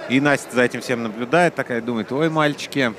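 A man's voice: medium pitch, quick pace, heavy background noise. A man giving conversational, opinionated live hockey commentary as the analyst in the booth. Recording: music and loud crowd behind. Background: music and arena crowd.

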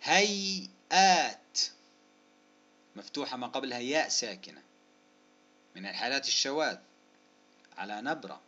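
Man, teacher, spelling lesson, bright tense voice, slow drawn-out example words, dull lo-fi sound. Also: medium pitch, animated, faint music behind. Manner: slow, drawn-out dictation of example words, then brisk rule explanations; addresses listeners as dear loved ones, asks and answers his own questions. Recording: dull lo-fi recording.

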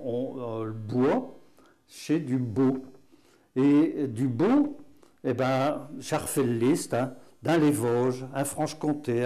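This man, who has a Picard accent from Hainaut, gives a casual spoken lesson on patois words, chatting in a folksy way full of fillers and chuckles. His voice sits in the mid range with a dark tone.

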